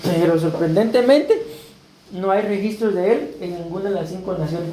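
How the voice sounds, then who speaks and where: A man with a high, mellow voice speaks at a moderate pace, preaching a sermon as a pastor. His style is conversational, and he keeps checking in with the congregation by asking "¿verdad?". The recording comes from an echoey church hall with faint background noise.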